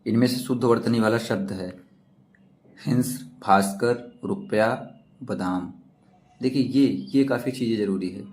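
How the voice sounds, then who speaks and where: A man's voice: fairly low pitch, normal speed, dark tone. A man teaching an exam-prep lesson, asking questions and repeating the answers himself.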